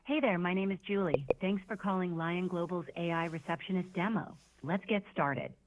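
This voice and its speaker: A woman's voice: on the low side, moderate pace, noisy background. A synthetic female voice acting as a receptionist, heard over a phone line and speaking in friendly, scripted assistant phrases. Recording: tinny phone line played through a speaker.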